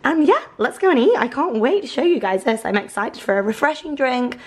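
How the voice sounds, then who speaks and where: Young woman vlogger, casual, excitable, friendly chatter; handheld camera sound. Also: high-pitched, brisk. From England. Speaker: lifestyle vlogger. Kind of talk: casual vlog chat to camera. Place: home kitchen and bathroom, indoors. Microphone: handheld camera at arm's length.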